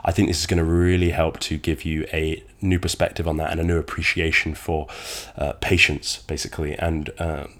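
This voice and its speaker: A man's voice: rumbling low, little pitch movement, fairly quick, fairly bright tone. A man with a nasal, congested voice from a cold, hosting a solo podcast in a conversational, wordy and slightly dramatic way. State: getting over a cold. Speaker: podcast host.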